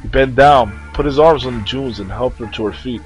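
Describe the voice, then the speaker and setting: A man's voice: mid-range voice, moderate pace, soft background music, rough recording. A young man playing through a video game, reading its text aloud with crude joking asides. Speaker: let's player.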